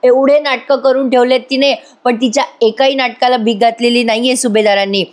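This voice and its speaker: A woman doing an excited, dramatic voice-over recap of a TV serial, speaking directly to viewers. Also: on the high side, a little fast. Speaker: TV serial reviewer.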